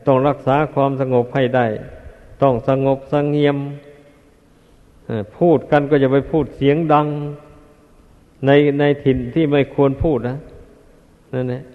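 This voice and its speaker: An older monk with a Northeastern Thai accent preaches to disciples at an even middle pitch. He speaks slowly and sternly, pausing often. The sound is thin and phone-like, with long reverb from a temple hall. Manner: measured, admonishing, many pauses with filler sounds. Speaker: Buddhist monk teacher. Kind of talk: Dharma sermon to disciples. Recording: tinny, echoey hall recording.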